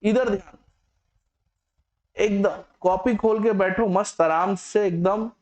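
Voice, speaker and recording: High-voiced male teacher in echoey classroom. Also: slow pace. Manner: asks the class questions and answers them himself, teasing and scolding. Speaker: chemistry teacher. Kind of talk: lively classroom lecture.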